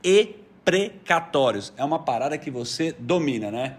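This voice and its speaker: A man hosting a podcast in casual chat, lively and upbeat. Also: medium pitch, moderate pace, a little hiss or hum. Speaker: podcast host.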